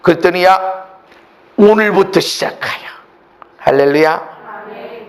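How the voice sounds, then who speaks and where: A male pastor preaching a sermon, swinging from shouts to hushed asides and acting out the voices he quotes. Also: on the high side. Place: church sanctuary.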